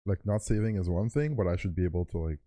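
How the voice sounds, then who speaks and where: A man's voice: low-pitched, quick pace, dark tone, no room sound. A man co-hosting a let's play, chatting casually with laid-back, brief reactions. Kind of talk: casual gaming chat.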